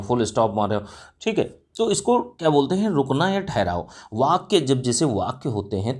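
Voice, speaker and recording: Lively-voiced male Hindi teacher. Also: medium pitch. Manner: explains step by step, often asks and answers his own questions; frequent fillers and self-corrections. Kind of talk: online exam-prep lecture.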